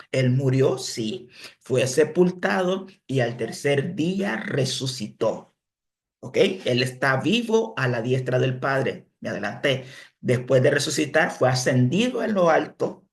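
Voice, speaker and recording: A man giving an online religion lesson, explaining step by step, pausing to correct himself and checking in with his listeners. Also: mid-range voice. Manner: self-correcting, pauses to fix slips. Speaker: religion teacher. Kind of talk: online class lecture.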